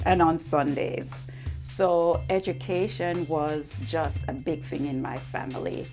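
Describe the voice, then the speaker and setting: Slow, low-voiced woman. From Jamaica. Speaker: co-founder of a wellness business, interviewee. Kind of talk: casual interview answers.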